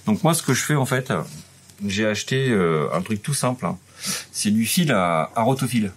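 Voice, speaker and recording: His voice is lowish, slightly rough and expressive, at a normal speed: a Frenchman in his forties giving a casual step-by-step repair demonstration in a large workshop. Fillers like "euh" and repeated restarts make him sound hesitant.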